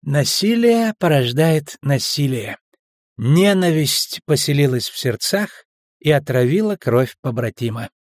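A man reading an audiobook and voicing a solemn learned scholar speaking in measured sayings. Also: on the high side, big pitch swings, no echo, clean studio sound, pitched above the performer's own voice. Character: solemn learned male academic.

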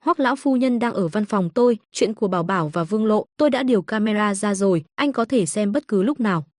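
A woman's voice: medium pitch, animated, fast talker, darkish tone, dry recording, studio quality, natural voice. A woman voicing an eager, obliging school principal in an audio story, deferential.

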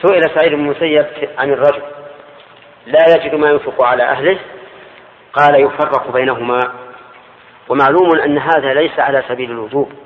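An older male Islamic scholar giving a measured religious lesson explaining hadith, repeating key phrases as he explains. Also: medium pitch, steady tone. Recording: dull lo-fi archive recording in a large reverberant hall.

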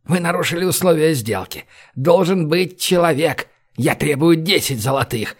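A greedy, twitchy desert creature hisses his demands in a raised, sharp voice, as a male narrator puts him on. He snarls and bargains with suspicion in a fantasy audiobook reading. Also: a little high, expressive, normal speed, voice pushed up. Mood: snarling greedy. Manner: hissing, snarling, then panicky pleading.

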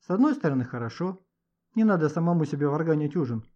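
Male narrator, scripted storybook reading, slightly high voice, muffled lo-fi recording. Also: fast. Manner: expressive, story-telling. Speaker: audiobook narrator. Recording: dull lo-fi recording.

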